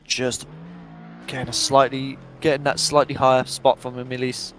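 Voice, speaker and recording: A man's voice: mid-range voice, monotone, normal speed, a bit bright, faint music behind. A young man giving chatty, upbeat play-by-play commentary on a virtual drift event and reading out live chat.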